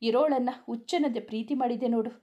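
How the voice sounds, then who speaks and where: A woman's voice: a little high, fast, highs cut off, close to an everyday voice. A woman voicing a heartbroken young male college student in a storybook reading. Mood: angry. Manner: shouting accusations, then tearful.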